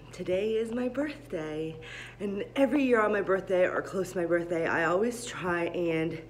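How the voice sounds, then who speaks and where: Holding her phone close, this woman in her thirties from Vermont chats cheerfully and rambles for her vlog, first from a gym hallway, then from a parked car. She speaks on the low side, and there's a little hiss or hum.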